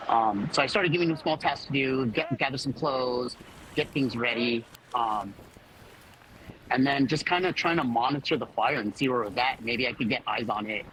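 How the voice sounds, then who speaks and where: A man of about fifty giving a personal account as a fire captain in an interview, speaking haltingly as he searches for words. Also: mid-range voice, fairly bright tone, a little hiss or hum, poor audio.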